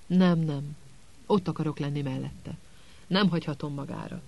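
A man voicing a big, soft-hearted gamekeeper in an audiobook, stammering with emotion. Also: fairly high pitch, steady tone, creaky, muffled recording. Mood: pleading.

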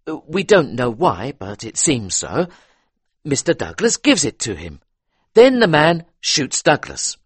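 A man voicing a brisk, talkative male police inspector in a read-aloud detective story, with a raised, eager delivery and a husky edge. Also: on the high side, wildly swooping pitch, no echo, voice pushed up, heavily acted. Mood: explaining. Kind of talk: audiobook character reading.

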